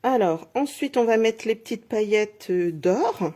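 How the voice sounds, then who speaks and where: A middle-aged woman talks viewers through a craft project live, narrating each step as she works. Her voice is warm and mellow with a slightly husky, breathy edge. She speaks in a chatty, encouraging way, addressing her audience directly. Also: fairly high pitch, expressive, unhurried. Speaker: craft demonstrator.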